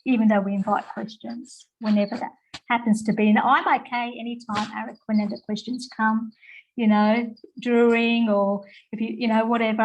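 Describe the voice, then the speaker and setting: A woman's voice: a little high, slight background noise, rough recording. A woman from Australia with an Australian accent and a slight English twang, talking informally as a guest speaker with rambling asides. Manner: warm, chatty, with rambling asides and fillers. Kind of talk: informal spoken talk. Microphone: video call.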